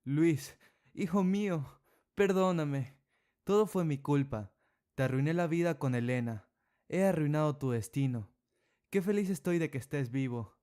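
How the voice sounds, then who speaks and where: A man's voice: a little slow, smooth, natural voice. A man voicing a grief-stricken elderly mother who cries out, remorseful and overjoyed, in a storybook. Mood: tearful, overjoyed. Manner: high, loud, tearful outcry.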